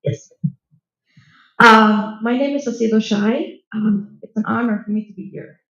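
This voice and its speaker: A woman's voice: fairly high pitch, measured pace, a bit bright. A woman from Minnesota speaking from the audience at a panel discussion, earnest and rambling, with many restarts. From USA (Minnesota). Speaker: audience member. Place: lounge at a press club, indoors. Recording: echoey room, dull sound.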